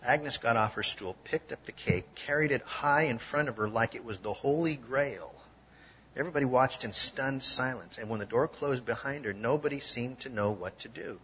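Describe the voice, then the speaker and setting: A man's voice: medium pitch, moderate pace, fairly bright tone. A man preaching a sermon, telling a story vividly and earnestly. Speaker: pastor. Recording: dull lo-fi recording.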